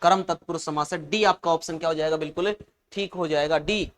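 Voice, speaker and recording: A man's voice: on the high side, fairly even intonation, brisk. A man teaching an exam-prep lesson, chatty and often calling listeners "saahab" and "bhai".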